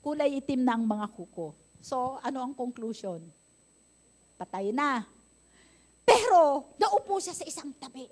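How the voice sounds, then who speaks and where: An older woman preaches in a church, telling a healing testimony with lively storytelling and bursts of laughter. Her voice sits high and swings widely in pitch as she acts out each moment. She slips easily between her sermon and English phrases. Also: unhurried, pauses often. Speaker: pastor.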